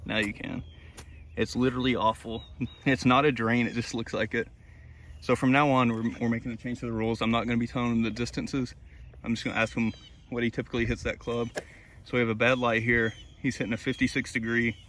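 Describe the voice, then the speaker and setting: A man's voice: mid-range voice, little pitch movement, a little fast, fairly bright tone. A young man caddying on a golf course, giving upbeat casual commentary to viewers. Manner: chatty, upbeat, addresses viewers. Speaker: caddie. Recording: outdoor wind and background noise.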